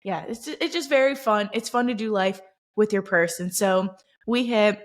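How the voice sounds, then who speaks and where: Young woman, mid-pitched, enthusiastic, giggly, casual podcast chat. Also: moderate pace. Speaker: podcast co-host.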